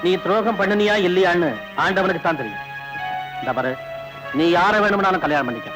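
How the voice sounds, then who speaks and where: A cunning young man, played by an actor, with a fairly high voice. He makes his charges in a calm, steady way. Film music plays under the old soundtrack. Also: fairly quick, natural voice. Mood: accusing.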